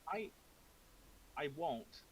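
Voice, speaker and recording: A man's voice: on the high side, big pitch swings, very slow, slight background noise. A man playing a tabletop game, speaking casually in character. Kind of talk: casual in-character role-play.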